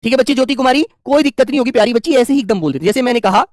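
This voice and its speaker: A man teaching Hindi grammar in an online exam-prep lesson, affectionate and reassuring, and sometimes dictating slowly word by word as he writes. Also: very high-pitched, no room sound, clean studio sound. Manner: affectionate and reassuring, keeps calling students "dear children".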